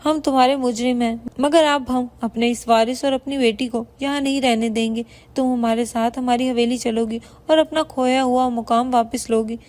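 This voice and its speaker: A woman's voice: fairly high pitch, steady tone, few pauses, a little mellow, close to an everyday voice. A woman voicing an elderly, affectionate family patriarch who speaks in a choked-up voice, in a storybook reading.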